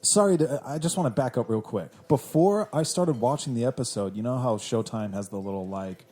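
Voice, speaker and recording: Australian man, podcast co-host, husky mellow voice, chatty and easily amused. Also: medium pitch, brisk. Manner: chatty, laughs often while retelling scenes. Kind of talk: casual TV recap chat.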